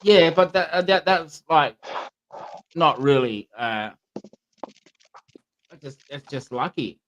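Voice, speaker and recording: A man's voice: on the high side, lively intonation, takes it slowly, a bit bright. A man hosting a livestream in a casual, chatty style. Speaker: livestream channel host. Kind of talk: casual chat. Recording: faint background noise on livestream.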